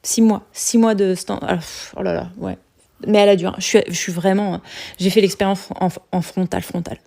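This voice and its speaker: A woman from France chats in a relaxed podcast conversation. Her mid-range voice has a gravelly, creaky texture. She talks with many fillers, restarts and easy laughs. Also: medium pitch, normal speed. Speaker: podcast guest sharing expat experience.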